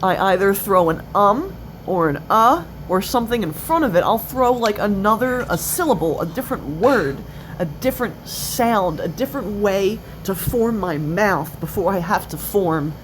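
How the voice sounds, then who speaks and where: In a noisy cell phone video, a woman aged twenty-eight confides her experience of stuttering. She speaks expressively at medium pitch, in broken-up, halting phrases, stuttering occasionally.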